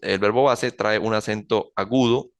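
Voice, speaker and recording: Low-voiced man teaching French slowly. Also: steady tone. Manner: patient, repeats words slowly to model pronunciation. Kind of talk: recorded classroom lesson.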